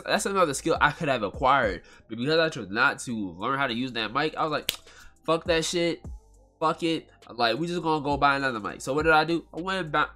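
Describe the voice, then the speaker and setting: A man's voice: fairly high pitch, pushed and bright. A man hosting a casual solo podcast in a congested, nasal whine, rambling in slang and repeating phrases for emphasis. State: congested from allergies. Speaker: podcast host.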